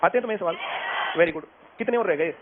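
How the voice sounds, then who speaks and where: A man's voice: high-pitched, fast. A man teaching a maths class. He keeps asking the students whether they have understood. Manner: drilling, asks students if they understood again and again. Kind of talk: classroom lecture. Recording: lo-fi phone-like sound, classroom noise behind.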